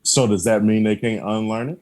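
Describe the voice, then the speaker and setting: As a podcast guest in casual conversation, a man with a fairly low voice speaks fairly quickly in a relaxed, earnest way. He drives his points home with repeated affirmations and laughs briefly between them.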